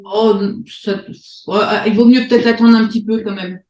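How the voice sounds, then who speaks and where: Une femme qui anime une réunion en ligne et présente sur un ton détendu, avec beaucoup d'hésitations et de reprises. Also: female voice, fairly high pitch, steady tone, moderate pace, reverberant, a crowd in the background, poor audio. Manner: hesitant, many fillers and restarts. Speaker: host of an online meeting. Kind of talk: casual presentation on a video call. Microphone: video call.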